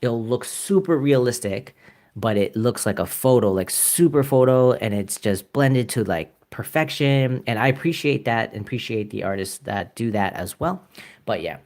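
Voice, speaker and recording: A man's voice: mid-range voice, expressive, normal speed, darkish tone. A Canadian man chatting casually to viewers as he paints live, rambling with many fillers and chuckles. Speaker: artist streaming live. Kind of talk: casual live-stream chat while painting.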